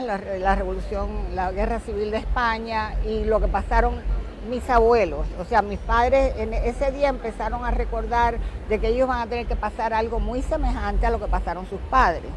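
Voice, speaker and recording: A woman in her seventies, born in Cuba, telling her family's story in an interview, with many fillers and an unhurried pace. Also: a little high, slight background noise, rough recording. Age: 70s. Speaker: author.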